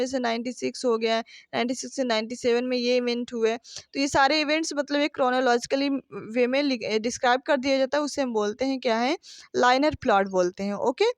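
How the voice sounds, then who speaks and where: A woman's voice: high voice, fairly even intonation, brisk, no room sound, clean studio sound. A woman teaching English literature for exam prep, who asks rhetorical questions and answers them herself, calling her listeners friends. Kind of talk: exam-prep lesson, reading questions then explaining.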